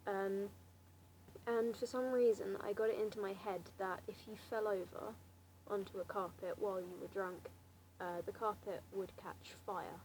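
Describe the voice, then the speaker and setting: A clearly noisy amateur recording of a young woman of about seventeen with a southern English accent. Her pitch is average for a woman. She rambles casually and hesitantly, with a wry, self-deprecating manner. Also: fairly even intonation, moderate pace, a little mellow. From Slough, England. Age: late teens, seventeen. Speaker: amateur vlogger answering a challenge. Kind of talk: casual rambling chat to camera.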